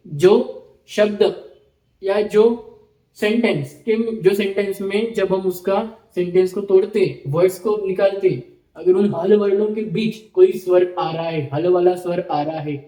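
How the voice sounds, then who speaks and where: High-pitched male teacher, roomy echo. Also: dark tone. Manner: explains step by step, repeats terms, checks in with "ठीक है". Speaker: Sanskrit teacher. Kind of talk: online lecture.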